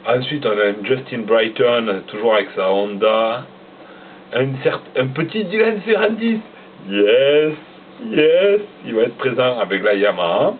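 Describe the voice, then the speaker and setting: A man talks casually at an unhurried pace, often stumbling over names and laughing at himself. His voice sounds thin and phone-like, as if picked up from a distance, with faint noise behind him. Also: mid-range voice, sing-song. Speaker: motocross vlogger. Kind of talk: casual chat reading out a rider list. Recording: tinny phone-like sound from away from the mic.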